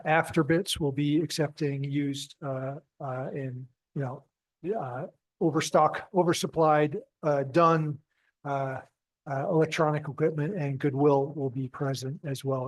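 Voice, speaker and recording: A man giving civic announcements as a city official, in a halting, hesitant way. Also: fairly high pitch, poor audio. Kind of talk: informal public announcements.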